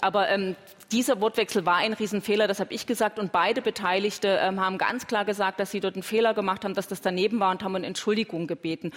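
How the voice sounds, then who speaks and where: Firm woman debating in a hall. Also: mid-range voice. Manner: firm, argumentative, with many hesitation sounds. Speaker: party politician in a panel debate. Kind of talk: televised panel debate. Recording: hall with long reverb.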